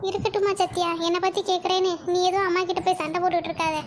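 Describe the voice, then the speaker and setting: A woman voicing a meek, tearful middle-aged aunt in a cartoon, speaking softly and submissively. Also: very high-pitched, little pitch movement, noisy background. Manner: soft, slow, submissive.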